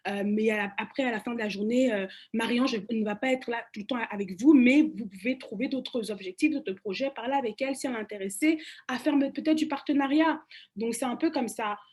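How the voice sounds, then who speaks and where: A young woman from Cameroon with a Central African French accent, speaking as a guest on a panel discussion, animated, restarting her phrases often and slipping into English. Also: fairly high pitch, fairly quick, breathy edge.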